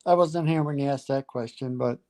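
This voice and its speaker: A man's voice: medium pitch, a little fast, dark tone. A man on a sports watch party stream, giving short, laid-back answers in casual chat.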